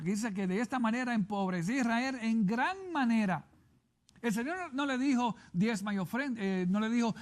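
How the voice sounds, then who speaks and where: A man preaching on television with a Puerto Rican Spanish accent. His voice sits notably high for a man, and he drives his points home emphatically, repeating lines and urging the audience to go read for themselves. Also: darkish tone. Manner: emphatic, repeats and urges listeners to read scripture. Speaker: pastor. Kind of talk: televised sermon.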